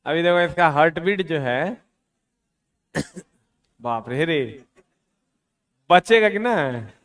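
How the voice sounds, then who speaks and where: A man, lecturing a classroom on science. He talks slowly and deliberately and chats with his students as he explains. Now and then he teases them and slips into quieter asides. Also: a little high, animated. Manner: chatty, teasing students, drops to quiet asides. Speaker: teacher.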